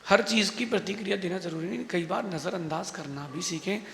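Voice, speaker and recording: A Jain monk delivering an emphatic, rhetorical Hindi sermon with a preachy manner. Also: male voice, high-pitched, brisk, gravelly, a bit bright, a little hiss or hum. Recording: echoey hall.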